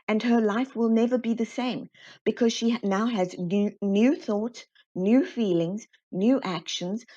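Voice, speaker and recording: A woman guest in an interview, explaining her work in a lively way and acting out the dialogue she quotes. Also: medium pitch. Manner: animated, acts out quoted dialogue. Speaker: guest, constellation facilitator. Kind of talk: conversational interview storytelling. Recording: slightly dull, muffled audio.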